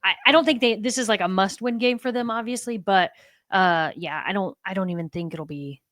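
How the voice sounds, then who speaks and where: A woman co-hosting a sports podcast, talking casually, agreeing readily and thinking out loud. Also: medium pitch, a little fast, dry recording, studio quality. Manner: conversational, agreeable, thinks aloud. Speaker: podcast co-host.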